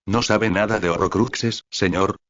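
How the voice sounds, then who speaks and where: A cool, calculating young wizard, as a man reads him speaks in a calm, measured and insistent manner. The voice sits very low. The audio sounds dull and lo-fi.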